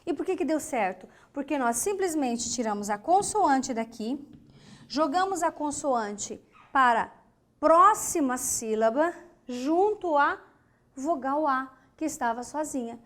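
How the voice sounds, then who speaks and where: Teaching an online grammar class, a Brazilian woman speaks slowly in a high, expressive voice with a fairly bright tone. She breaks words into syllables with clear emphasis and keeps asking students rhetorical questions. Her accent is Brazilian Portuguese.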